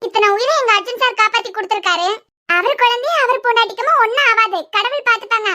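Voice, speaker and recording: Cartoon nurse, woman voicing: talkative, reassuring, high voice, Kanyakumari Tamil accent. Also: fast talker, pushed and bright. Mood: reassuring chatty. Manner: soothing, talkative. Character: chatty reassuring young hospital nurse.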